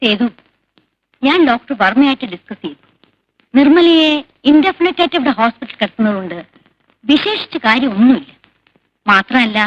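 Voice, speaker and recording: A gentle, caring aunt. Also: female voice, fairly high pitch, no room sound, dull audio. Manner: soothing and coaxing toward the child.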